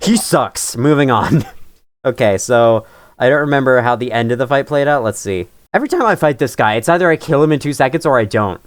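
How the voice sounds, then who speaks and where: Guy doing casual gaming reaction, super animated pitch, dry close sound, opinionated, complains and chuckles a lot. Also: brisk, dry recording. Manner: opinionated, griping, chuckles through remarks. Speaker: gaming YouTuber reacting to his own old playthrough.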